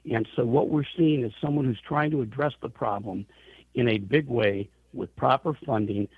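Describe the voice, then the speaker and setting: A husky, medium-pitched man speaks at a normal speed over a tinny, narrow phone line with no room sound. He is a radio interview guest, the chief executive of an airline trade association, giving advocacy answers and pressing his case emphatically with pointed rhetorical questions.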